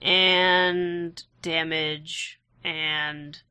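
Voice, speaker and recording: A woman's voice: deep voice, flat delivery, very slow, sharp tone, smooth. A woman hosting a casual gaming podcast, chatty and full of hedging fillers, steering the talk. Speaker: podcast host.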